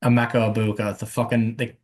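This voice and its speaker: A man's voice: mid-range voice, little pitch movement, quick pace. A man co-hosting a sports podcast, rambling and laughing easily. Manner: laughs often, rambling, swears casually. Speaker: podcast co-host. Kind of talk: casual sports chat.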